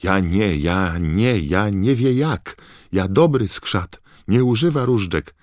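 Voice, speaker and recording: A man voicing a small, frightened female house-elf servant in an audiobook, squeaky and pleading in broken grammar. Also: animated, takes it slowly, dry recording, studio quality. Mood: frantic. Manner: shrill pleading. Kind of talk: audiobook character voice.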